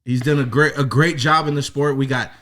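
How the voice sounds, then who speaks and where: A man's voice: medium pitch, steady tone, a little fast, bright, forceful tone. A man hosting a podcast interview, talking eagerly with lots of restarts and fillers. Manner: enthusiastic, many restarts. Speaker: podcast host. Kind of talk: casual interview.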